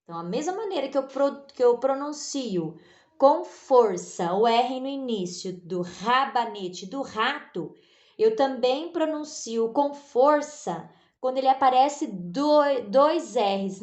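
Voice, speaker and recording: Slow, patient teacher in an echoey room. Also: female voice, high-pitched, expressive, a little mellow. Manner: slow, patient, stretches words out for emphasis. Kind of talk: children's spelling lesson.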